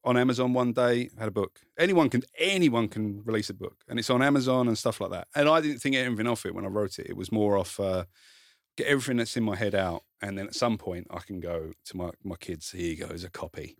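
A man's voice: fairly low pitch, quick pace, no echo, clean studio sound. A man from Kent with a south-east English, Essex-like accent, talking casually and modestly about himself as an interview guest. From Kent, England. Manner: self-deprecating, informal, swears. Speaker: podcast guest, content creator and author. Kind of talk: casual conversation, personal storytelling.

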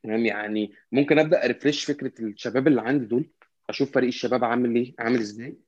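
A man with an Egyptian Arabic accent in casual football discussion, halting and repetitive as he searches for words. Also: mid-range voice, no echo, dull audio. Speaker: football fan commentator.

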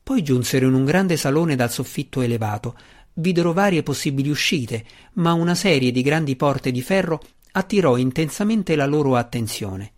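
A man reading a fantasy novel aloud as an audiobook narrator, in a steady, measured way. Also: mid-range voice.

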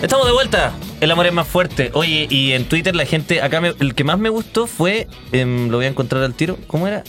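A man's voice: fairly high pitch, sing-song, a little fast, music in the background. A man with a Chilean Spanish accent co-hosting a radio call-in show, reading tweets and questioning a caller playfully. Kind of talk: casual chat, reading tweets.

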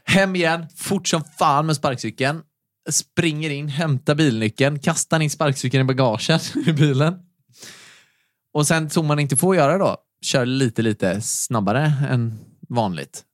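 Animated swearing storyteller man, dry sound. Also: fairly high pitch, no echo. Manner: animated, swearing, acts out quoted voices. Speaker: podcast host. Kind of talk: casual storytelling chat.

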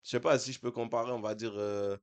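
A man's voice: medium pitch, steady tone, fast. Laid-back man. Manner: laid-back, drops English tags like "you feel me". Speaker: podcast co-host. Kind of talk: casual chat between friends.

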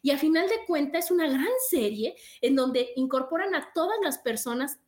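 Chatty woman in her forties, co-host, high voice, roomy echo. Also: normal speed. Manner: chatty, animated storyteller acting out quotes. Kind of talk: casual conversation about parenting.

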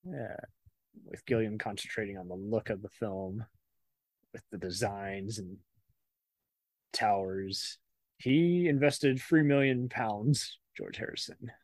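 A man's voice: on the low side, slow pace, pauses often, no echo. A man co-hosting a podcast in casual chat, laid-back and reading out facts. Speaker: podcast co-host.

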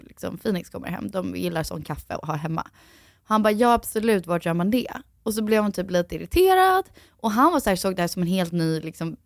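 A young adult woman in casual chat, an animated storyteller who acts out what others said. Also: on the low side, dry recording, studio quality. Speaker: podcast co-host.

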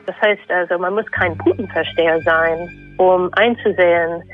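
A woman's voice: fairly low pitch, fairly even intonation, moderate pace, dull audio, faint music behind. A woman historian answering in an interview excerpt, explaining emphatically.

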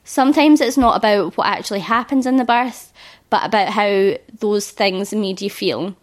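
On her solo podcast, a birth educator in her thirties speaks at a moderate pace with a medium-pitched voice. Being ill has made it slightly croaky, but she sounds earnest and reassuring.

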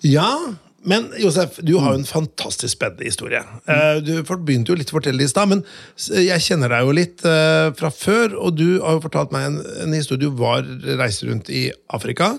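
A man's voice: on the high side, creaky. A man hosting a podcast, talking casually and hesitantly with many restarts. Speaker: podcast host. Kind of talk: casual interview chat. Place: studio in a city.

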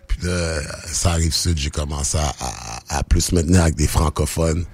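A man's voice: very deep voice, moderate pace, slightly rough. A man with a Québécois French accent, telling stories casually and mixing in English slang, with frequent restarts. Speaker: rapper and podcast guest. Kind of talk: casual chat.

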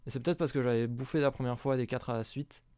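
Homme blagueur au son sec. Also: male voice, mid-range voice, a little mellow, dry recording. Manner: joking, teasing, quick reactions. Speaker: podcast co-host. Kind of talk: casual chat.

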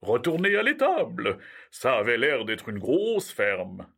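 A jolly, carefree old Father Christmas in an audio storybook. He speaks slowly, with a lively, swinging melody and a bright tone. His manner is calm and reassuring, brushing off every worry. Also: mid-range voice, vocal fry, husky, heavily acted. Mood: jovial.

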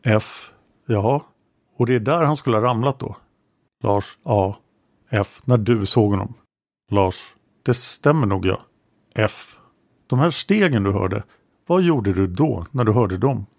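A man narrating a true-crime podcast, reading an interrogation transcript aloud in a measured, matter-of-fact way and naming each speaker before their lines. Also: on the low side, expressive, creaky, a little mellow, no echo, clean studio sound.

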